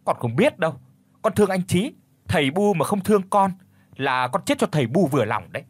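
A man voicing a spoiled, wicked young village woman in a ghost story, shrill and demanding. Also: animated, normal speed, breathy edge, no room sound.

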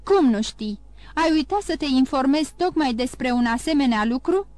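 A woman's voice: sits high, animated, a little mellow, no echo. A woman voicing an aging king who is imperious and alarmed, firing commanding questions at his ministers. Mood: anxious.

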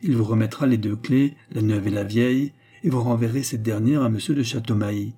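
A man voicing a polite young gentleman rogue who speaks in a deferential, composed way. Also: mid-range voice, brisk, breathy edge. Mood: instructing.

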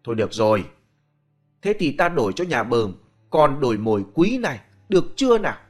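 A greedy old landlord, blustering and quick to anger, as a male storyteller puts him on. His voice swings up sharply when he threatens, raised and hurried. This is a spoken folk tale, read over faint music. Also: medium pitch, very animated. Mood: angry. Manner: blustering, irritable.

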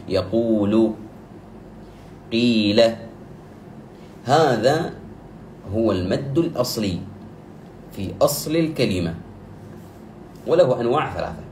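A man teaching the rules of Quran recitation. He explains methodically, repeats key terms, corrects errors firmly, and chants examples with long drawn-out vowels. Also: fairly low pitch, a little mellow. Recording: echoey room with faint background noise.

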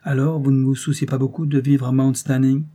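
A man reading an audiobook aloud, voicing a courteous, precise young gentleman lawyer with a husky, mellow voice. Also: medium pitch, flat delivery, fairly quick, pitched above the performer's own voice, natural voice. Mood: polite.

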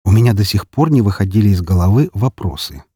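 A man narrating a first-person audiobook in a dry, even storytelling manner. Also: on the low side, quick pace, breathy edge, no room sound.

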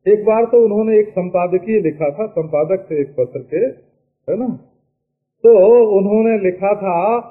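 A man with a high voice delivers an unhurried spiritual discourse, drawing out each phrase. Now and then he chants verses and drops in conversational asides. The old recording is thin and tinny, like a phone line. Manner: slow, explanatory, with chanted Sanskrit verses and asides. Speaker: spiritual teacher. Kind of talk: Vedanta discourse. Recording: tinny lo-fi archival tape.

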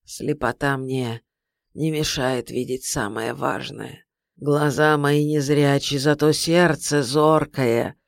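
A reader voicing an old blind sorcerer who speaks slowly, weightily and solemnly. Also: medium pitch, fairly even intonation, creaky, no room sound, clean studio sound, voice pushed down. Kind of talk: audiobook character voice.

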